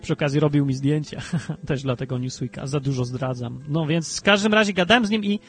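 A male talk radio host chatting about politics in an animated, rambling way, with emphatic bursts and frequent restarts. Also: a little fast. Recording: low-bitrate talk radio stream with faint music.

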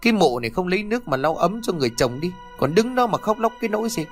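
Audio story: a man playing a loud, scolding old village exorcist with a lively voice. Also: medium pitch, a little fast, faint music behind, lightly acted. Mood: bossy scolding. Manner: barking orders, scolding.

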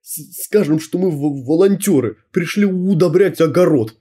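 A man's voice: fairly high pitch, lively intonation, normal speed, dark tone, slightly rough, pitched above the performer's own voice. A man voicing a nervous schoolboy who stutters on his first sounds, in an audiobook. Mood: desperate.

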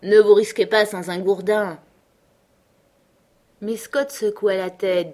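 Audiobook: woman narrator, measured and steady, fairly low voice. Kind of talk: literary narration.

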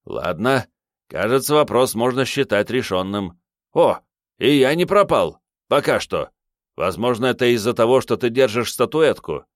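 A man voicing an excitable young male ghost dragon who talks loud and jumpy, easily alarmed. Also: medium pitch, moderate pace, dry recording, clean studio sound, pitched above the performer's own voice, close to an everyday voice. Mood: cheerful.

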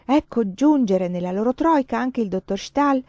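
Brief: woman narrator, audiobook reading, measured and expressive, dull dry lo-fi sound. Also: a little high, no echo. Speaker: reader.

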